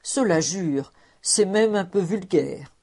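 A woman's voice: on the low side, lively intonation, slow pace, dark tone, breathy edge, full character voice. A woman reading the lines of a fussy, self-important man with a cane in a storybook, in a protesting, judicious manner.

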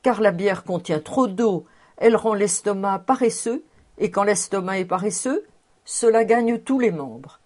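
A woman's voice: mid-range voice, lively intonation, unhurried, darkish tone. A woman reading the part of a jovial, talkative man in a storybook, expanding on his point at length. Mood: explaining. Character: jovial, talkative middle-aged man at table.

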